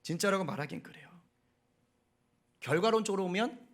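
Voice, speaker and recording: A man preaching a Sunday sermon as pastor. He asks the congregation questions and answers them himself, and builds to loud, emphatic preaching. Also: high voice, fairly quick.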